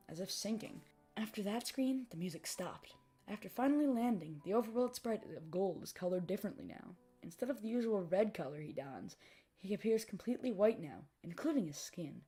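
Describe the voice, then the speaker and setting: A woman narrating a scripted horror story, reading dramatically with phrases that tail off softly. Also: lowish voice, husky. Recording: music behind the voice. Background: music.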